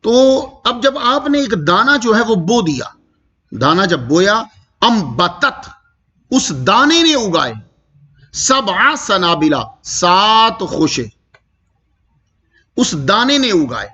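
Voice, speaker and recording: Man, scripture teacher, high voice, lively swings in pitch, slow drawn-out recitation, dull lo-fi sound. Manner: slow, drawn-out recitation of Arabic verses between explanations; asks the listeners questions as he explains. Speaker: Quran teacher. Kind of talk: Quranic commentary lecture.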